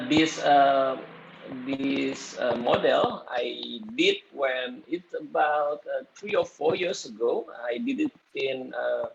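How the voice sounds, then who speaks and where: Halting, slow-talking man on a muffled call. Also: medium pitch, gravelly, a little hiss or hum. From Indonesia. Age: 30s. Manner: hesitant, many fillers and restarts. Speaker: guest lecturer, architect. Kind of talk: halting lecture in non-native English.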